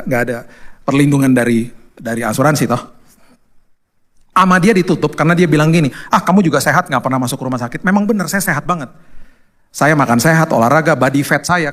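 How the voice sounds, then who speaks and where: A male pastor telling a personal testimony in a conversational sermon, lively and acting out the voices of the people in his story. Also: on the high side. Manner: animated storyteller who acts out quoted voices.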